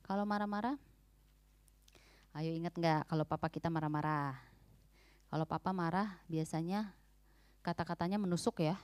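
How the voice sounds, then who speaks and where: A woman with a fairly low voice teaches in an animated, emphatic way, dropping English words into her informal talk. Her voice sounds close and dry, with no room echo. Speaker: speaker at a church parenting talk.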